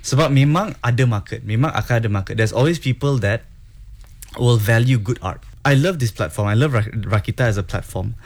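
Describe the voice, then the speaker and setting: A guest entrepreneur who grew up in Singapore and Hong Kong offers earnest, encouraging advice in a casual talk that mixes English and Malay, repeating words for emphasis. He speaks briskly at medium pitch.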